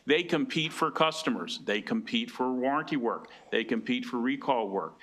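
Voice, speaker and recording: A man with a mid-pitched voice gives formal testimony as a lobbyist. He argues in a measured way, setting out his case point by point for a legislative committee. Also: a bit bright. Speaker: trade association lobbyist testifying.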